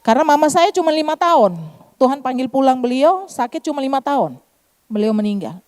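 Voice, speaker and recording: Mellow-voiced woman pastor preaching. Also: sits high, lively intonation, a little fast. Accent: Eastern Indonesian, Kupang Malay. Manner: addresses congregation as "saudara" often. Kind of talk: sermon with personal testimony.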